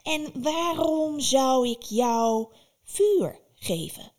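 A woman voicing a cruel old witch who mocks and threatens in slow, drawn-out words. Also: high voice, animated, a little mellow, voice pushed up, heavily acted. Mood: mocking.

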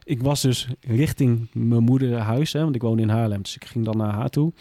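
A man's voice: medium pitch, moderate pace, warm tone, no room sound. A man in a candid interview who speaks bluntly and plainly and often swears. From Groningen. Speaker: guest, former police officer.

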